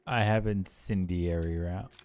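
A man's voice: sits low, measured pace, darkish tone, smooth. A man giving casual, muttered, sweary gameplay commentary. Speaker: gameplay streamer. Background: game music and sound effects.

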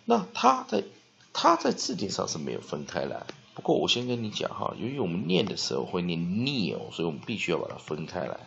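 A man teaching spelling and pronunciation, dotting his speech with "ah" and "ha" and slowly drawing out words to model them. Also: low-pitched, huge pitch swings, vocal fry. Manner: frequent "ah" and "ha" fillers, slow drawn-out modeling of words. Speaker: English teacher. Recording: dull lo-fi recording.

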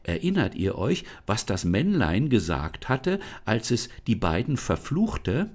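A man voicing an eager, curious young girl in a storybook reading, speaking brightly and lively. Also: on the low side, unhurried.

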